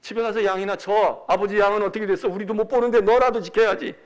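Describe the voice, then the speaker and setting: A man's voice: high voice, fairly even intonation, quick pace, close to an everyday voice. A man preaching acts out a harsh, contemptuous older brother who is scolding a younger sibling in a sermon retelling. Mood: scornful. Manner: scolding, barking rebukes.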